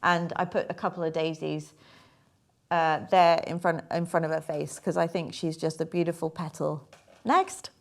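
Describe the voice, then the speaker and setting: Young woman, fairly low voice; relaxed, rambling artist chat with fillers. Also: moderate pace, creaky. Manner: chatty, rambling, hesitant with fillers. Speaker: artist talking through her paintings. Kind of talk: casual chat.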